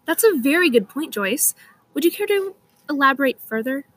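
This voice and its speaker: High-voiced young woman hosting a show. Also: animated, normal speed, a bit bright, no room sound. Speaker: host. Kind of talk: scripted mock talk show.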